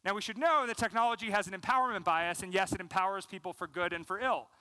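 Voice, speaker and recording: On a large conference stage, an American man in his thirties gives a keynote, talking fast in a high-pitched voice. He's fluent, peppers his speech with "um" and "you know," and gestures energetically. Through a headset mic, there's no room sound.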